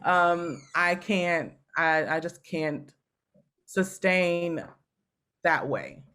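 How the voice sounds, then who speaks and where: A woman in her thirties with a low, deep-set voice chats on a podcast. She tells stories with animation and easy laughter. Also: drawn-out words, fairly bright tone, clean tone. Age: 30s. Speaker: guest opera singer. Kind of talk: casual podcast chat.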